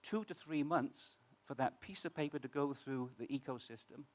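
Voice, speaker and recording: A British fintech founder presents on stage at a conference hall before a live audience, speaking at mid pitch and normal speed. He's conversational, restarts phrases often, and asks the crowd questions.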